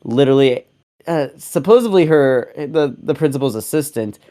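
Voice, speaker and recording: A young man co-hosts a casual review podcast in a warm, medium-pitched voice with lively intonation at a moderate pace. He rambles, corrects himself as he goes, and chuckles often.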